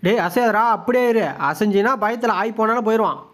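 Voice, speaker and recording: A woman's voice: on the high side, fast, a crowd in the background. A woman dubbing animal comedy clips with a scolding, teasing manner. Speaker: voice-over artist and channel host. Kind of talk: comic mind-voice dubbing. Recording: noticeable background noise.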